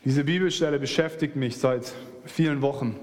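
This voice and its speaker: A man's voice: medium pitch, moderate pace, darkish tone, in a large hall. A man preaching a sermon with passion, speaking straight to his listeners. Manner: impassioned, addresses the listeners directly.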